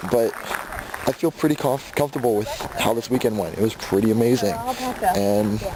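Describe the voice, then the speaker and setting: A man vlogging in casual chat with a hoarse voice, talking excitedly and swearing freely. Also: medium pitch, brisk, background noise. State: hoarse from screaming.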